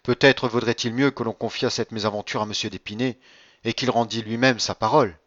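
A man's voice: mid-range voice, steady tone, a little fast, fairly bright tone, no echo, muffled recording, lightly acted. A man voicing a scheming aristocratic wife in an audiobook reading, plaintive and insistent. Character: scheming aristocratic wife, middle-aged woman.

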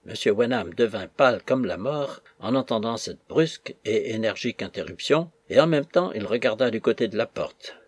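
A man narrating a classic novel as an audiobook in a steady, measured voice. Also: fairly low pitch, breathy edge, dry recording. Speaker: audiobook reader.

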